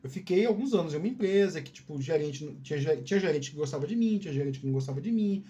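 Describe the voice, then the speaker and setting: A man's voice: a little high, lively intonation, fast, mellow, highs cut off. Candid Northeastern Brazilian man, drawling. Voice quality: drawling speech. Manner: rambling and candid, many restarts and "né, cara" tags. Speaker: YouTube channel host. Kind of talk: casual solo talk to camera.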